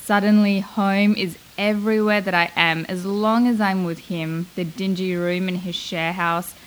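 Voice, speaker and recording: A young woman from Malaysia narrating a reflective spoken-word essay, slow and measured, lingering on her phrases. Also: mid-range voice, steady tone, a little hiss or hum, rough recording.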